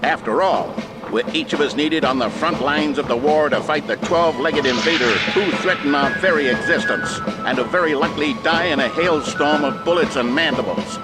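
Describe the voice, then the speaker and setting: A man's voice: on the high side, normal speed, few pauses, lightly acted. Man as hearty instructional-film presenter over music. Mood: solemn, patriotic. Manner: hearty, pompous, didactic. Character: earnest, jingoistic male instructional-film presenter. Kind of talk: vintage instructional film narration.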